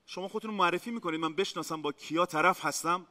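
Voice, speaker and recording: A fairly high male voice, polite and mock-formal, playing the straight man in a stage comedy sketch. The long reverb of a TV studio hall surrounds him. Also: sharp tone.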